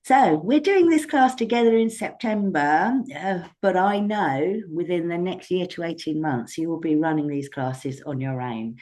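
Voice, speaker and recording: Woman, 60s, therapist telling her own story, unhurried delivery, lowish voice, expressive. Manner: warm storytelling, expressive swings in pitch. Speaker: abdominal therapist and educator. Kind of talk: conversational interview.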